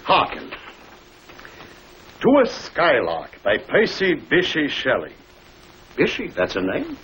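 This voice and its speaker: Teasing husband, mock-grand and sarcastic, very high voice swooping wildly, old broadcast comedy. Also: male voice, wildly swooping pitch, slow, fairly bright tone, exaggerated voice. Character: teasing husband mockingly hamming up poetry. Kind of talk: old-time broadcast comedy-drama acting. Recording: faintly noisy vintage broadcast recording.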